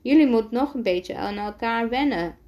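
A woman reading as a calm, kind father wizard. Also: a little high, moderate pace, muffled recording, natural voice. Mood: reassuring. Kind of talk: storybook read-aloud.

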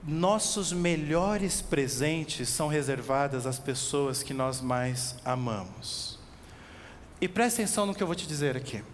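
A man with a Brazilian accent preaching an expository sermon, animated, asking his listeners direct questions and slowing down on key words. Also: fairly high pitch. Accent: Brazilian Portuguese. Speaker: pastor. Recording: long reverb with faint background noise.

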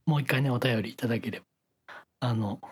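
Husky Kyoto-accented man chatting. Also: medium pitch. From Kyoto, Japan. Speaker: podcast host. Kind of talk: casual chat.

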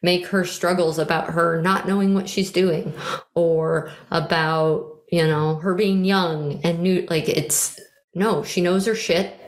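A woman's voice: fairly low pitch, steady tone, slow. Chatty woman in an echoey room. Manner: enthusiastic, chatty, many fillers. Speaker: podcast co-host. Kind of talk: casual chat about TV shows.

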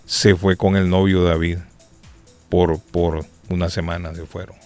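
A man's voice: sits low, little pitch movement, unhurried, a little mellow, faint music behind. A man hosting a casual live radio chat show. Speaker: radio host.

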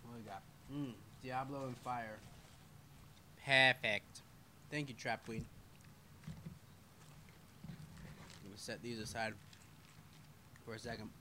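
A man with a bright, forceful voice hosts a casual live stream, reading out viewer comments and answering them as he goes. He talks loosely and pokes fun at himself, dropping the odd curse, and a faint hum of room ambience sits behind him. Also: medium pitch, fairly even intonation, slow pace, long pauses. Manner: loose and swearing, with self-deprecating asides. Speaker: podcast host reading live chat.

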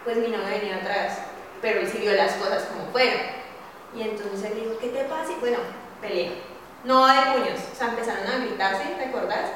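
Animated young woman in an echoey room. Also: medium pitch, brisk, slight background noise. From Colombia. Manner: animated storytelling, swears casually. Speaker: podcast host. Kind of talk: casual round-table chat. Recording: echoey room, mic far off.

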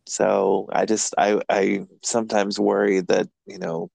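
A man's voice: fairly low pitch, level tone, unhurried, vocal fry, darkish tone, no room sound. A man hosting a podcast, chatting casually in a rambling, self-deprecating way and laughing often. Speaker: podcast host. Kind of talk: casual chat.

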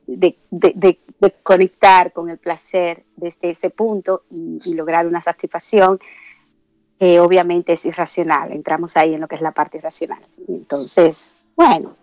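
This radio co-host from the Dominican Republic speaks in a low-leaning voice with a Dominican accent, earnest yet hesitant and full of "eh." Her reflective talk is captured dry, with the high frequencies cut off.

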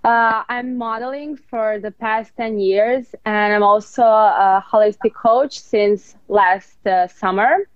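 A woman's voice: fairly high pitch, steady tone, slow pace, no room sound, lo-fi sound. A woman in her twenties from Serbia, a guest talking openly and unhurriedly in a casual interview. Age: 20s.

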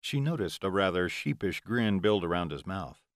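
A man reads a romance audiobook in a steady, measured way. His voice sits on the low side, and the recording is close and dry. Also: dry recording. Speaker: audiobook narrator. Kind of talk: scripted narration.

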